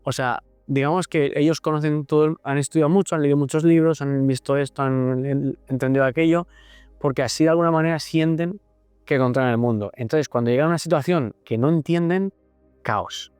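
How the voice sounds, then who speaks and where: A man's voice: on the high side, fairly quick, a little mellow, clean tone, no echo, soft background music. A man, a psychologist host explaining personality types with examples and frequent tag questions. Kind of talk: explanatory casual talk.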